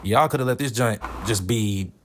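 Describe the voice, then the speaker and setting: A man's voice: on the low side, moderate pace, a little hiss or hum. A man hosting a movie reaction, talking casually with blunt, profane opinions and laughing asides.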